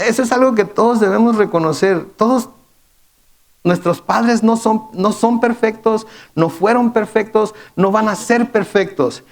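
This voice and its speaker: Man, pastor, midweek sermon, slightly high voice, rhetorical questions, repeated fillers. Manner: conversational, asks the congregation rhetorical questions; repeats words and restarts with fillers.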